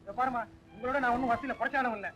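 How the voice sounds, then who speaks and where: A man's voice: very high-pitched, fairly even intonation, racing, bright, forceful tone, faint music behind. A boastful rich father-in-law. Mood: proud. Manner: boastful, curt. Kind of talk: 1980s film acting.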